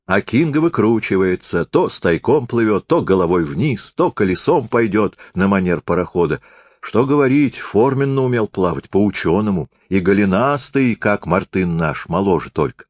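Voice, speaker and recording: A man reading a folksy tale aloud in a warm, conversational storytelling manner. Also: on the low side, lively intonation, moderate pace, no echo. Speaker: reader.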